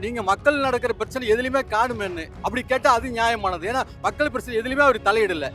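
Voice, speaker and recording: A very high, bright male voice argues quickly and indignantly, piling up rhetorical questions. A faint music bed runs under the commentary. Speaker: political commentator. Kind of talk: argumentative commentary.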